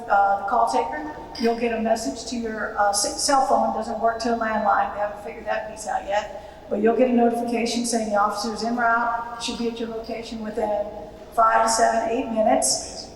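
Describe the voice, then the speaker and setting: An American woman speaking as a police official, giving a public presentation to an audience. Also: on the high side. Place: large reverberant event room. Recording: very echoey hall, distant, faint noise.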